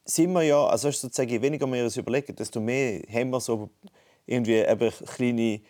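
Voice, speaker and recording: A man's voice: mid-range voice, fast, mellow. A man, co-hosting a casual podcast talk and thinking aloud with many restarts. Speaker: podcast co-host. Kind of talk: casual conversation. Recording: phone call.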